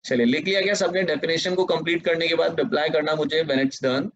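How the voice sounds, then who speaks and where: A male economics teacher giving an online class, dictating definitions slowly with repetition and then explaining casually, with an Indian English accent. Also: fairly high pitch, lo-fi sound.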